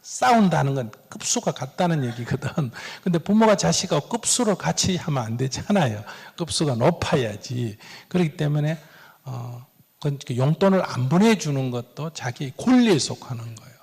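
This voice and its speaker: A man's voice: on the high side, moderate pace, husky. A man giving Buddhist advice in a question-and-answer talk, acting out dialogue with chuckles. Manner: lively, acts out dialogue, chuckles. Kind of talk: sermon-like Q&A advice. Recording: long hall reverb.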